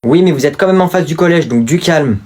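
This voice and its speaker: A man's voice: on the high side, brisk, a little mellow, lightly acted. Man putting on a firm grown-up woman. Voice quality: firm, authoritative. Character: firm middle-aged woman supervisor. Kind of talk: comedy sketch acting.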